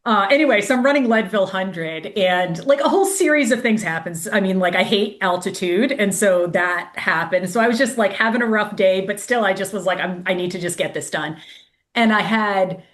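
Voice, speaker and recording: A woman who is a race director appears as a guest and tells a casual story in chatty speech full of "like," acting out the voices of the people she quotes. Her mid-range voice is fairly bright and fairly quick, with hardly any pauses.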